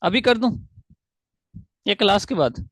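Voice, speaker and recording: A man teaching an online English grammar class, explaining step by step, slowly spelling out syllables and asking the class questions. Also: sits high, animated, dry recording.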